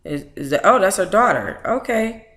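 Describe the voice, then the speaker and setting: A sing-song, fairly bright voice at medium pitch and moderate pace belongs to a middle-aged book club host. On her casual livestream she reads aloud and chats candidly with colloquial asides, her room echoing around her.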